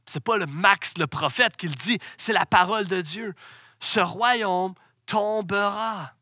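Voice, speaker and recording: A man's voice: high-pitched, normal speed, bright, forceful tone, slightly rough, dry recording, clean studio sound. A male pastor preaching a sermon, telling stories and building to emphatic declarations.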